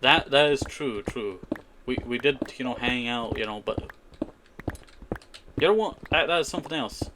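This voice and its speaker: Animated and mid-range, this man talks at a moderate pace broken by long pauses while streaming a survival game. He answers chat in a loose, rambling way, repeating "you know" and "I tell you," with keyboard clicks and background noise behind him.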